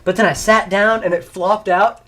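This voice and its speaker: A man's voice: high-pitched, fairly even intonation, normal speed, fairly bright tone, slight background noise. A teenage man hosting a podcast, telling rambling stories in casual chat and laughing through them. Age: teens. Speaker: podcast host.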